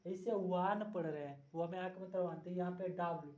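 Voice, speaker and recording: A woman teaching spelling in a patient, step-by-step lesson, repeating each sound slowly. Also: lowish voice, fairly even intonation, dark tone. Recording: dull, echoey room.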